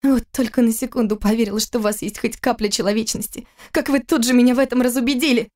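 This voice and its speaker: A woman's voice: medium pitch, little pitch movement, fairly quick, natural voice. Woman reading as a hurt young wife. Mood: angry. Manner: bitter, quietly sad.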